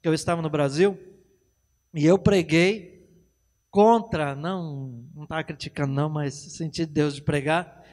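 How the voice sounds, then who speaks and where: A man with a Brazilian accent preaches in a conversational way, calling on people in the pews and acting out quick exchanges. His voice sits high for a man. The sound carries a long reverb from the church hall. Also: a little mellow. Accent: Brazilian Portuguese. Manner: conversational preaching, banters with the congregation, acts out quick dialogues. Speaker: pastor. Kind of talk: sermon.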